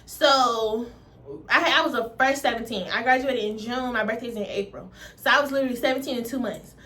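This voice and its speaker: Young woman, high voice, stuffy nose, fast slangy casual vlog chat. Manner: fast, slangy, animated talk. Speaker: vlogger.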